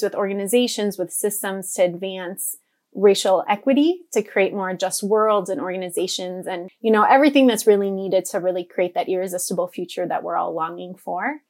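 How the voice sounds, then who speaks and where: A woman's voice: medium pitch, a little mellow. A woman in her thirties from Guatemala, a podcast guest speaking in an earnest, flowing way with fillers. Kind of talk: casual podcast conversation.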